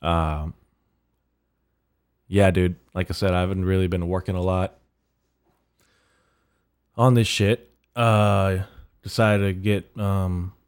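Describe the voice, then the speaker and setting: A man with a raspy morning voice hosting a casual solo podcast, rambling haltingly with profane, slangy bro-talk. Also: sits low, little pitch movement. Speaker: podcast host.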